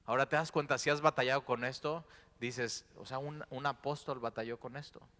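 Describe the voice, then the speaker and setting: Impassioned pastor preaching in a reverberant church. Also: male voice, mid-range voice, fairly even intonation, a little fast. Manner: impassioned, swings from hushed prayer to loud exclamations. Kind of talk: sermon. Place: church sanctuary. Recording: church hall with long reverb.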